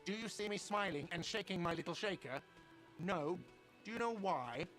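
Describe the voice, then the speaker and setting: A man's voice: on the high side, expressive, fairly quick, a bit bright, faint music behind. A man voicing a grumpy, sarcastic male cafeteria manager in a video game, nagging about money owed. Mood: irritated.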